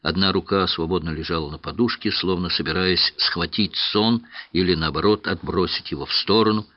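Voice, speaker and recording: A man narrating an adventure audiobook in a measured, even reading. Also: low voice, muffled recording. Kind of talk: scripted narration.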